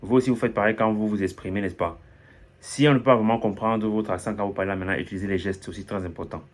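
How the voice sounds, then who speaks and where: A man's voice: fairly low pitch, steady tone, fast talker. A man giving a casual pronunciation lesson, chatty, repeating example phrases and asking for agreement. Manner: chatty, repeats example phrases, says "n'est-ce pas" often. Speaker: English pronunciation teacher.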